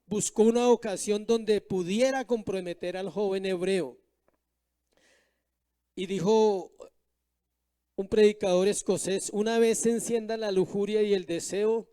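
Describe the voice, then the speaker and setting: High-voiced male pastor preaching a sermon. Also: dark tone, clear, resonant tone. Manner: preaching with rhetorical questions to the congregation; reads scripture verses aloud.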